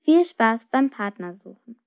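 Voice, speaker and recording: A woman's voice: a little high, sing-song, a little slow, creaky, smooth, exaggerated voice. A woman voicing a pompous male teacher making a formal school announcement. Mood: ceremonious. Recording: dull lo-fi recording.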